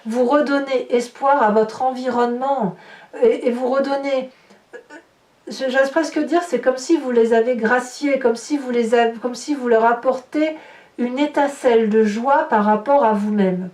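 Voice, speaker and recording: Unhurried and a touch high, with a darkish tone, this woman offers a reassuring, conversational tarot reading and frequently begins her phrases again. The room echoes and her voice comes from some distance away.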